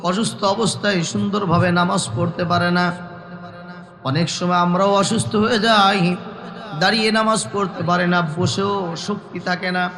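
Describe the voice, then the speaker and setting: A man preaching a sermon, chanting verses, asking the crowd questions and rising to shouts, through an amplified microphone. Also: sits high, fairly even intonation, moderate pace. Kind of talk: Bengali waz sermon. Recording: echoey hall with long reverb.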